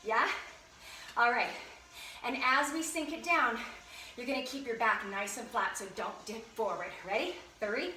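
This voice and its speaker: A woman's voice: on the high side, a little slow, bright, forceful tone, a little hiss or hum. Upbeat female fitness instructor, breathless mid-workout, recorded at a distance in an echoey room. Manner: upbeat, encouraging, panting between cues. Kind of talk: workout instruction, counting reps. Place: room at home.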